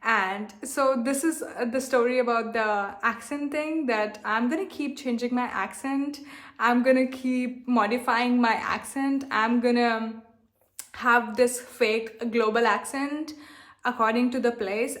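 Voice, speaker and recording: Talking straight to camera, a self-love coach who hosts her own channel, a young woman from India, speaks in a slightly high voice. Her Indian accent is softened toward a global one, and her candid, defiant monologue is full of repetition and "like."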